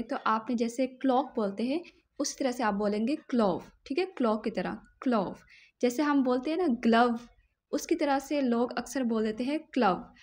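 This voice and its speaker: A woman hosting a casual vocabulary lesson, explaining patiently and often checking in with the viewer. She repeats each word slowly to model its pronunciation. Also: a little high, a little mellow. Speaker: language teacher and channel host.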